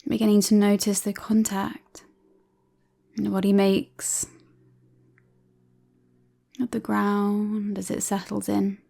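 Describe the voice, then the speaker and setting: Speaking softly and breathily, often close to a whisper, a woman guides a relaxation session. She sounds calm and soothing, leaves long pauses, and has a mid-range voice with vocal fry.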